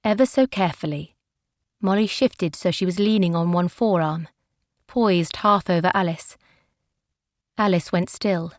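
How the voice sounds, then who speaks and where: A woman reading a romance novel aloud in a measured, gentle manner. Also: lowish voice, dry recording. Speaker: audiobook narrator. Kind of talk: scripted narration.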